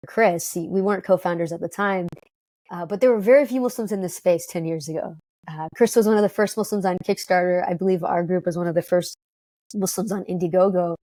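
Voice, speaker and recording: Guesting on a conversational interview, this Detroit-born woman, a company co-founder, chats quickly and cheerfully, often using fillers and starting over. Her lowish voice sounds mellow, and the recording is dry and close.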